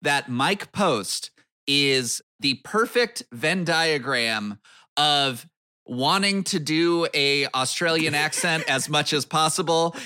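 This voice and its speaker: A man's voice: fairly high pitch, lively intonation, slow, pushed and bright, clear, resonant tone, dry recording. A man co-hosting a casual podcast chat, laying out facts and trivia. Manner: informative, lays out facts and trivia. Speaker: podcast co-host.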